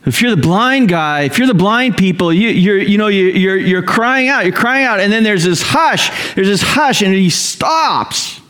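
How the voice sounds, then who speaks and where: A man preaching a sermon, telling the story in a conversational, animated way, rising loud and high when excited and dropping low and quiet to reflect. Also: measured pace, few pauses, smooth. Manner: conversational fillers and repeated phrases. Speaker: pastor.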